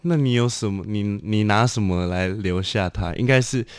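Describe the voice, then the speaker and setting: A man's voice: lowish voice, moderate pace, clear, resonant tone, no room sound. A young man, a guest singer-songwriter chatting casually in loose, filler-filled sentences. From Taiwan. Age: young adult. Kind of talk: casual chat.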